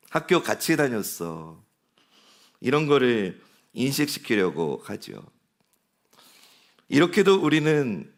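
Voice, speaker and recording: A man's voice: lowish voice, a bit bright. A man in his forties, a pastor preaching a sermon in a conversational way and asking his congregation questions. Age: 40s. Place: church sanctuary.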